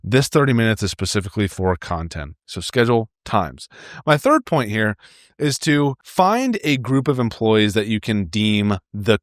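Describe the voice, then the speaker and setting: A man's voice: lowish voice, dry recording, clean studio sound. A young man hosting a solo podcast, giving friendly, upbeat advice straight to his listeners. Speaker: podcast host.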